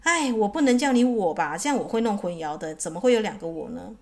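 A woman's voice: mid-range voice, expressive, fast, a little mellow, lightly acted. Woman voicing a stubborn weary knight. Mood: puzzled. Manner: indignant protesting. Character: stubborn weary middle-aged male knight.

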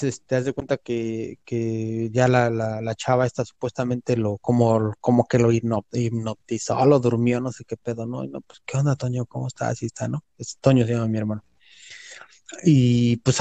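A man with a Mexican Spanish accent spins a story in relaxed chat, his voice mellow and dark at an ordinary pitch. He talks in slang and hammers points home by repeating words. The sound is dry and close, with little room around it. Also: no echo. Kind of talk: casual storytelling.

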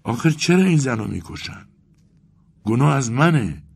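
A man's voice: deep voice, big pitch swings, a little mellow, breathy edge, pitched above the performer's own voice, heavily acted. A man voicing a frail, anxious young clerk who is breaking down, speaking in a pleading, tremulous way.

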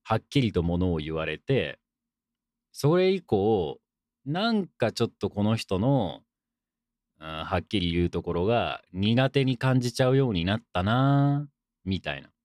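A man's voice: fairly low pitch, very animated, unhurried, a little mellow, no room sound, studio quality. A young man hosting a casual solo radio talk show, reading listener letters with loose, rambling, self-deprecating asides and a playful mock-formal tone. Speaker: podcast host.

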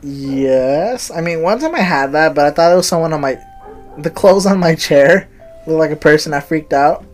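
With faint music behind him, a young podcast co-host speaks at a normal speed in a voice on the high side. He tells a wandering story in a casual, animated way, swearing heavily and acting out what people said.

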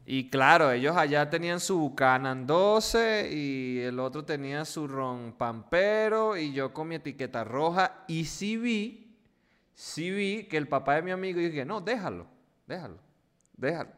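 A man's voice: a little high, expressive, unhurried, a bit bright, clear, resonant tone. A man with a Venezuelan accent, co-hosting a casual chat and telling a laughing, colloquial story.

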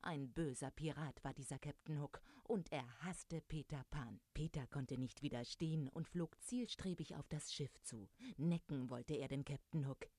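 Low-voiced woman reading a children's story. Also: normal speed, dry recording. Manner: lively, addressing young listeners directly.

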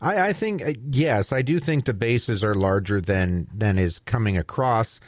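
A man's voice: on the low side, expressive, moderate pace, no echo. A man co-hosting a talk radio show, musing aloud with hesitant restarts. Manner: hesitant, musing, repeats words.

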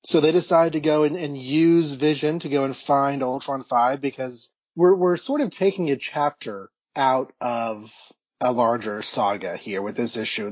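A husky, medium-pitched man co-hosts a podcast, casually recapping and discussing topics with enthusiastic, rambling asides. The audio is dull and lo-fi, with a slightly roomy sound.

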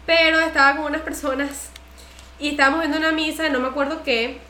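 A high, bright woman chats on a casual podcast. She tells stories with animated energy and slips into other people's voices as she goes. Her voice comes through a noticeably echoey room. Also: fast talker, slight background noise. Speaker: podcast co-host.

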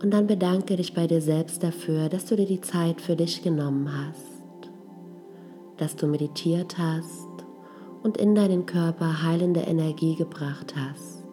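A woman leading a guided healing meditation in a soft, gentle, breathy voice that trails toward a whisper. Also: low-pitched, steady tone, measured pace. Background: music.

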